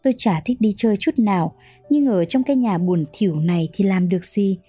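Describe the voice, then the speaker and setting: Calm woman narrating an audiobook. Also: mid-range voice, breathy edge, faint music behind. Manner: calm, measured storytelling.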